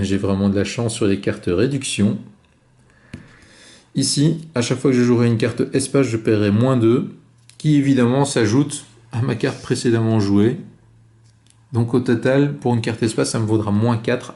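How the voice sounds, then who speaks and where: A man calmly talking through his own board game turn, explaining each card and move step by step. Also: medium pitch, moderate pace. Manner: calm, methodical, explains each move aloud. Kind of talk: solo board game playthrough commentary.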